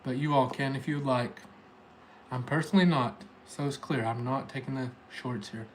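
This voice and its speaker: A man's voice: medium pitch, normal speed, a little hiss or hum, rough recording. A man with a Tennessee accent chatting casually and informally to viewers as the host of a livestream. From Tennessee, United States. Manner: informal, talking directly to chat viewers. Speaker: livestream host, day trader.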